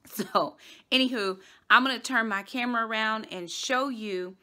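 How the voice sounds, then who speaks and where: In a home bedroom, a middle-aged woman vlogs casually about tidying up, talking into a phone camera held at arm's length. Her voice is on the high side, pushed and bright, and she's chatty and upbeat, drawing out words for emphasis.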